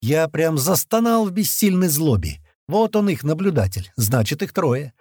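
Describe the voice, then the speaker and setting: A man narrating a first-person action audiobook, acting out the crew's shouted lines as he reads. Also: fairly high pitch, moderate pace, breathy edge, no echo, studio quality. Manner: lively, voices the gang's shouts in character.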